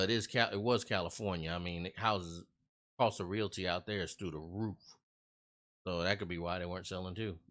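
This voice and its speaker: This reaction channel host has a fairly low, slightly bright voice. After reacting to a scary story, he talks casually and earnestly to his viewers, rambling a bit and frequently checking in with them.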